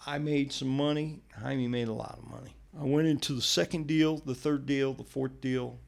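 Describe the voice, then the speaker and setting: A man's voice: medium pitch, steady tone, moderate pace, gravelly, a little mellow. A middle-aged man hosting a podcast, casually telling his own life story in a conversational way. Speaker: podcast host. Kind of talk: personal storytelling monologue.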